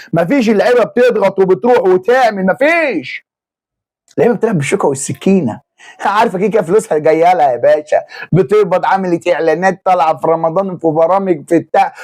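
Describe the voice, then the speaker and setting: An Egyptian man ranting as an angry football fan, exasperated and repeating his phrases over and over. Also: sits high. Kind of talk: angry fan reaction rant.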